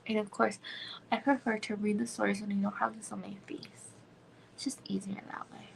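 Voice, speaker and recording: Gravelly-voiced woman chatting on a livestream. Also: medium pitch, little pitch movement, fairly quick, noisy background. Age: 30s. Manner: rambling, frequent "like" fillers, drops into whispers. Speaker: livestream host. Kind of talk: casual chat.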